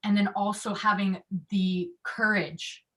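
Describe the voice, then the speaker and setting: A woman's voice: medium pitch, level tone, takes it slowly, a bit bright. A woman in casual conversation who talks reflectively, with loose phrasing and lots of "like".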